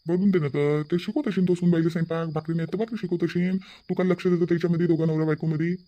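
A man voicing a middle-aged father in a cartoon, steady and reasoning. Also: fairly high pitch, quick pace, muffled recording, close to an everyday voice. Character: calm middle-aged father, firm head of house. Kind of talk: cartoon voice acting.

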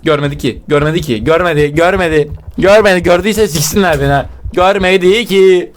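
Young male gaming YouTuber, high-pitched voice, foul-mouthed running commentary, yelps in fright, talks back at the game. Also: a little fast, a little hiss or hum. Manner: profane, shouts in fright, swears at the game. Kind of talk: casual let's-play commentary.

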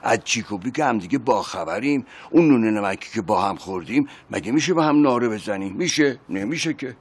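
A man's voice: medium pitch, animated, husky. An actor playing Aziz, a chummy, theatrical middle-aged man in a TV comedy series who scolds a friend for betrayal.

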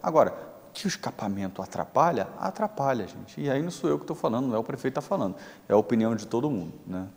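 A man's voice: medium pitch, expressive, racing, creaky, darkish tone, long reverb tail. A man in his thirties with a Brazilian accent, hosting a local TV news show in a studio, talking in a chatty, informal way. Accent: Brazilian Portuguese. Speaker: news anchor. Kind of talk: casual studio commentary.

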